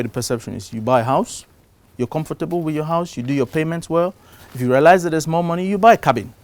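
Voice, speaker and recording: A middle-aged man from Cameroon giving a live talk to a conference audience. He gets louder to stress his points, then drops down again. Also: on the high side, no echo. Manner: animated, shifts loudness for emphasis. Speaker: conference speaker. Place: conference stage before an audience.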